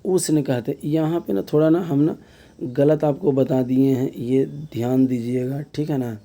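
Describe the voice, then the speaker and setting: Man teaching with a very dark voice. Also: mid-range voice, fairly even intonation, measured pace. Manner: explanatory, repeats key terms as questions; frequent filler tags mid-sentence. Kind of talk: exam-prep grammar lesson.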